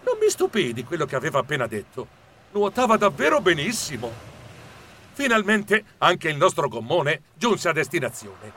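A man narrating a children's book in a lively, theatrical way. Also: fairly high pitch, moderate pace, a little hiss or hum. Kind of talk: expressive audiobook narration.

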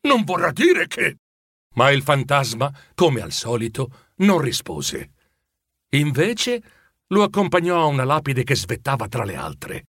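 A man narrating a storybook in a dramatic, expressive way with a husky voice. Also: medium pitch, a little slow, no echo, studio quality.

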